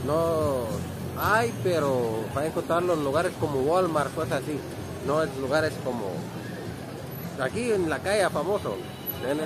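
A man in his thirties from Egypt vlogs on a handheld phone held at arm's length while strolling through an outdoor street market. He speaks non-native Spanish with an Egyptian Arabic accent, often restarting his sentences, in a fairly high voice at a measured pace. Audio quality is poor, with a loud crowd, traffic and music behind him.

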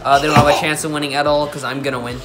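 An American teenage boy, a vlogger and youth soccer player, talks casually into a phone or camera held at arm's length. His slightly high voice is flat and rapid-fire, recorded indoors in places like a living room, hotel room, or busy venue.

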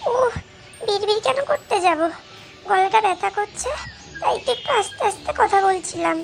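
A woman's voice: very high voice, moderate pace, gravelly. A woman voicing a cheeky, sulky little girl in a cartoon, whining and fake crying. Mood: grumbling. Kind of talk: Bengali cartoon voice acting. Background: background music.

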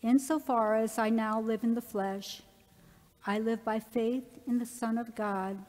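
A middle-aged woman reading scripture as a lector, measured and careful, with echoing church reverb. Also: fairly high pitch, steady tone, darkish tone. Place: large church, at the ambo.

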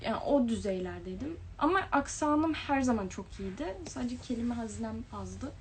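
A young woman talks casually into a webcam, reading out viewer comments and replying to each one. Her voice sits a little high, and a faint hum of room noise runs under the stream. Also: lively intonation, moderate pace. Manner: chatty, reads comments aloud then answers them. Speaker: livestream host. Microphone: phone or webcam livestream.

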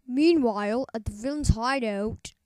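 Homemade cartoon comic book narrator female performer: slow, dramatic announcements, highish pitch. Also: darkish tone, dry recording, clean studio sound, lightly acted. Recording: noisy amateur recording with clicks.

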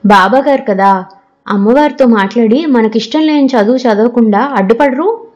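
A woman's voice: a little high, normal speed, a little mellow, dull audio, natural voice. A woman voicing an anxious, unhappy teenage girl student who asks eager, worried questions.

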